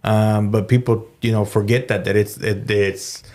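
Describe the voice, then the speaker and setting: Podcast guest, man with a lowish voice, thoughtful and meandering. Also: little pitch movement, normal speed, a little mellow. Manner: thoughtful, filler-heavy, drops into Spanish. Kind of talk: reflective conversation.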